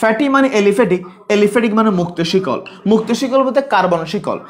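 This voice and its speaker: In a casual live online biology class, a Bangladeshi man with a high-pitched voice repeats key points for emphasis. He often asks a question and then supplies the answer himself.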